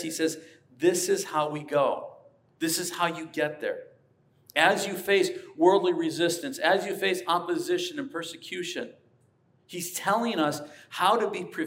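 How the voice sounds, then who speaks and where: A man's voice: on the high side, fairly bright tone. A man preaching a sermon as a pastor, earnest and emphatic, rising to passionate peaks. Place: church sanctuary.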